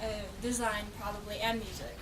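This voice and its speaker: A woman guest in a casual podcast chat, excitable and jumpy. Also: mid-range voice, a little fast. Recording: music playing behind.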